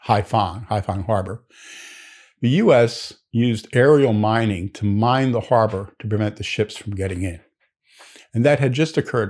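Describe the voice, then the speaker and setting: A man's voice: lowish voice, darkish tone. An older man, a naval historian, telling long rambling stories from his student days with many restarts and asides. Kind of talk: anecdotal storytelling.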